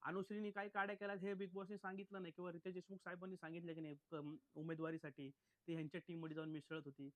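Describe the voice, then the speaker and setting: A man with a fairly high voice, recorded close and dry, recapping a reality show in a casual, opinionated way. He talks bluntly and straight to his viewers, calling them friends as he judges each contestant. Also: little pitch movement, fast, dry recording.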